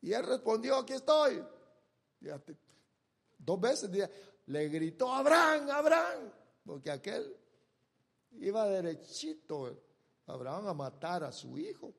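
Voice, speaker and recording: This preacher's voice sits high, very animated and edged with vocal fry, as he recounts a Bible story in his sermon. He voices the characters himself, leaping between loud bursts and hushed, lingering words.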